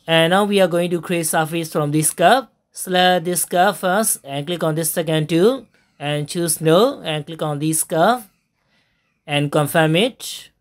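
A woman narrates a software tutorial over a screen capture in a lowish voice. She walks through each step slowly, often pausing and dropping in "uh."

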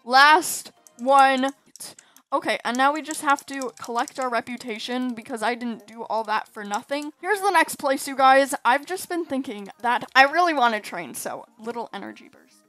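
Brief: high-pitched woman for casual gaming commentary, talkative and quick to exclaim in frustration. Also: lively intonation, fairly bright tone, soft background music. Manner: chatty, often exasperated, exclaims a lot. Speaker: gaming YouTuber.

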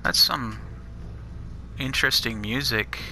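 Low, gravelly male gamer, relaxed play-by-play, noisy capture. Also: slow. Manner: easygoing, muttering reactions to finds. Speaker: gamer playing a custom map. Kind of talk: casual let's-play commentary.

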